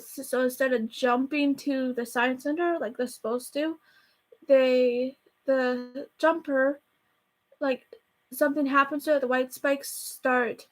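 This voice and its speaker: High-voiced chatty woman rambling fast. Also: rough recording. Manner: chatty, rushed, self-deprecating, rambling. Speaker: YouTuber reviewing a movie. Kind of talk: casual rambling review. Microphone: camera facing her.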